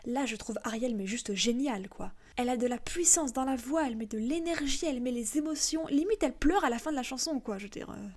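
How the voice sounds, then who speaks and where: A woman's voice: sits high, a little fast, hardly any pauses, a little mellow. A woman giving frank, chatty opinions in a casual vlog, with many fillers. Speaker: video creator.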